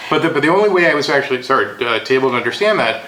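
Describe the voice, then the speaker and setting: Bright-voiced middle-aged man in an echoey room. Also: medium pitch, animated, rapid-fire. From United States. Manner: thoughtful, hesitant, many fillers. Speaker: co-host. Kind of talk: casual advice chat. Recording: roomy echo.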